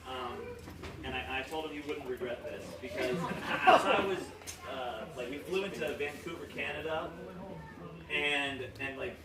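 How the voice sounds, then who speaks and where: This is a best-man toast from a young Romanian man at a wedding reception: joking, rambling, and heavy on fillers. He has a gravelly, medium-pitched voice at a moderate pace. Echo, background noise, and a distant mic mark the recording.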